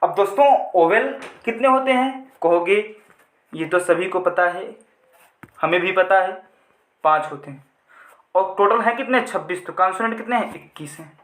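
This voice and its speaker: A man's voice: high voice, moderate pace, a bit bright, echoey room. A male teacher giving an English lesson in Hindi, repeating points and answering his own questions as he drills his viewers. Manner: addresses viewers as friends.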